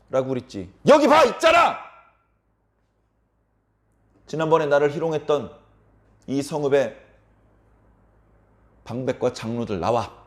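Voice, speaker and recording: A man voicing an angry, vengeful male warrior judge who shouts taunts and commands at his enemies. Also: mid-range voice, close to an everyday voice.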